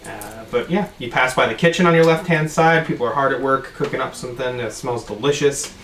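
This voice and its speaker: A game master narrating a tabletop game in a relaxed, halting way, with plenty of fillers. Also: mid-range voice. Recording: echoey room, mic at a distance, faint noise.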